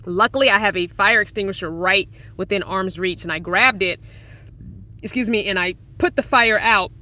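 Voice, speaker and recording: Bright-voiced chatty woman in her forties. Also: mid-range voice. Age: 40s. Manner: chatty and upbeat, laughs often. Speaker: van-life vlogger reading live chat. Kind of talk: casual live-stream chat. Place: inside her parked van.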